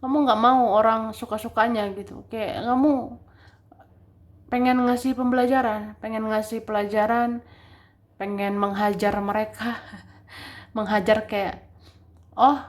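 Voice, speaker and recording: A woman's voice: on the high side, steady tone, a little slow, long pauses. A woman giving a casual tarot reading, chatty, restating each point several times and laughing often. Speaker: tarot reader.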